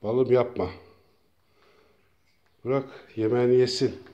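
A man talking casually to his cats, calling them over and over in a coaxing way and now and then gently scolding them. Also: mid-range voice, steady tone, slow, dull audio. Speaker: cat feeder. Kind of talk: casual talk to pets.

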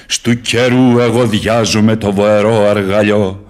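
An actor voicing a mighty, scornful spirit of the earth, declaiming verse grandly in a radio play. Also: male voice, lowish voice, steady tone, natural voice. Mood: solemn, exalted. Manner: grand, imperious, solemn declamation. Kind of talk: mid-century radio theatre, declaimed verse.

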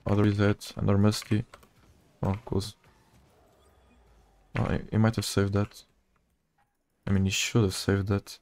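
This unhurried gameplay commentary comes from a Portuguese-accented video creator talking casually over his own play. His soft, mellow, lowish male voice turns a bit gravelly, his delivery is flat and low-key as if half to himself, with long pauses and no echo.

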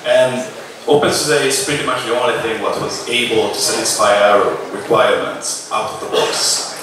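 A man's voice: on the low side, fairly even intonation, moderate pace. Hesitant man speaking in an echoey hall. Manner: hesitant, many uh fillers. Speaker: sponsor speaker. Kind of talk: conference talk. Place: large conference hall. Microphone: podium mic, heard from afar. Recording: echoey hall, distant, noisy.

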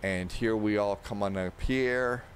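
A man in his sixties, voice on the low side and pace measured, gives easygoing flight simulator commentary, narrating each move to himself. He uses a close desk microphone in a home streaming setup indoors, and simulated engine and cockpit noise drones steadily in the background.

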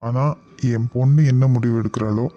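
A man's voice: mid-range voice, steady tone, a little fast, mellow, highs cut off, a little hiss or hum, lightly acted. A man voicing a stern middle-aged husband and father who talks in a curt, skeptical way. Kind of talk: cartoon voice acting.

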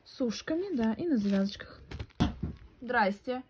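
Animated and fairly high-pitched, a young mom chats at a moderate pace for a casual vlog recorded indoors at home. The phone is held at arm's length, the background is noisy, and she rambles with frequent fillers and restarts.

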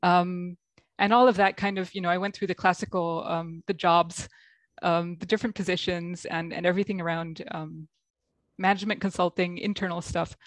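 A woman from Belgium with an American accent speaks in a lowish, level voice at a normal speed. A guest coach interviewed over video call from a room at home, she talks reflectively with many ums. There is no echo.

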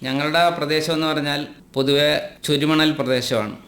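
A man from Kerala, a farmer guest with a Malayali accent, explaining his methods in plain, unhurried interview talk with some hesitations. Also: fairly high pitch, fairly even intonation, a bit bright. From Kerala, India.

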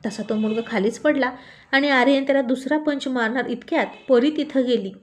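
A woman narrating a romantic story in a lively, expressive reading. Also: high-pitched, brisk.

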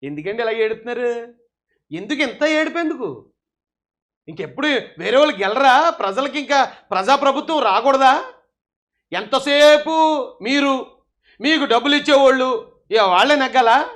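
A man with a very high voice delivers heated political commentary. He mocks and scolds his targets with biting sarcasm, taunting them over and over. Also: lively intonation, moderate pace, pauses often, fairly bright tone.

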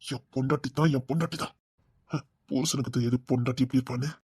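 A woman doing a husky, possessive young husband. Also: very deep voice, steady tone, fast, warm tone, dry recording, studio quality, heavily acted. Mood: low, stubborn. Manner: pleading, insistent, swings between coaxing and threats. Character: possessive lovesick young husband, pleading and stubborn. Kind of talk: amateur audio drama.

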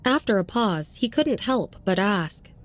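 A woman narrating a serialized audio story in a steady, even reading. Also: medium pitch, unhurried.

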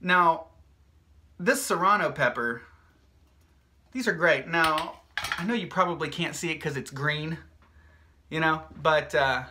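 A young man talks straight to his viewers in a loose, joking vlog style. He rambles cheerfully and fills his talk with "uh" and "like". His voice has a bright, forward edge. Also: a little high, measured pace, pauses often, slight background noise. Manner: upbeat, jokey and rambling, with many fillers. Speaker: hot sauce maker and video host. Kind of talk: casual chatty vlog.

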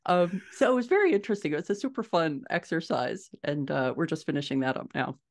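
Speaking from her living room on a video call, a middle-aged American author and podcaster thinks aloud as an interview guest, explaining things in a conversational way. She talks fast in a low voice with lively intonation.

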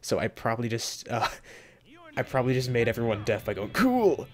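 An excitable young man narrates his game summons in a casual, chatty way. His pitch sits in the middle of the male range, and he mutters quietly between pulls before breaking into high excited yelps. Faint music plays underneath. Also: brisk. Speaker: gaming video host. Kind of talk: casual gacha summon reaction.

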